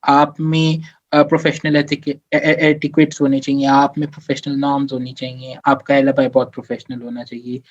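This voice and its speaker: A man at a middle pitch coaches his listeners on professional conduct. He explains patiently, slips English phrases into his sentences and keeps asking "theek hai". The audio sounds dull and lo-fi. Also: flat delivery, normal speed, hardly any pauses. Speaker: career advisor. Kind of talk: live Q&A workshop talk.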